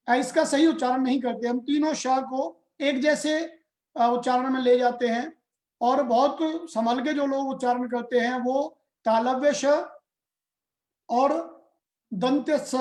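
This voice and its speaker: A man gives a grammar lesson at an unhurried, measured pace. He breaks each rule into small steps and asks his students questions as he goes. His voice carries a roomy echo. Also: very high voice, a little mellow. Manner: slow, deliberate explaining with questions to students. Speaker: Hindi grammar teacher. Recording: roomy echoey room.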